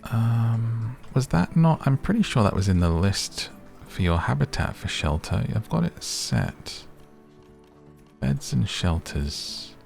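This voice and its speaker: A man with a hoarse, raspy, strained voice, giving relaxed, rambling game commentary meant for sleep and muttering to himself as he plays. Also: mid-range voice, slow pace, soft background music. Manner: chatty, muttering to himself while playing. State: voice going hoarse. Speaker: gaming video creator and podcaster.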